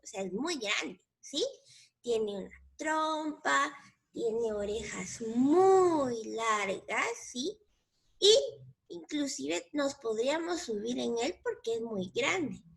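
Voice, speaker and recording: A woman's voice: high voice, lively intonation, slow, creaky, husky. A woman teacher with a Mexican Spanish accent, giving a patient bilingual English lesson to young children and repeating each word in both languages.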